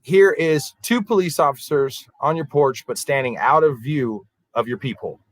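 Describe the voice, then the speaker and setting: A man's voice: a little high, normal speed, no echo, rough recording. Man walking through events step by step. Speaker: podcast co-host. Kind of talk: casual conversation.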